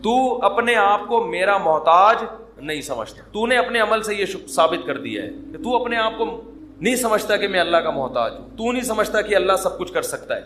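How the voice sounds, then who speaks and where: Male preacher, higher pitch, chatty humorous delivery, echoey room. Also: very animated, fairly bright tone, slight background noise. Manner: conversational, humorous, mimics chanting. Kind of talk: sermon.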